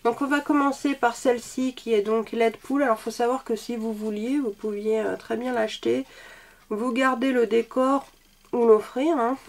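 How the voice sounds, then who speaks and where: Chatty lady a bit sick doing a makeup review, lots of ums, kinda high voice. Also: fairly even intonation, moderate pace, gravelly. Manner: chatty, self-deprecating, lots of fillers. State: a little sick, coughing. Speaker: beauty vlogger.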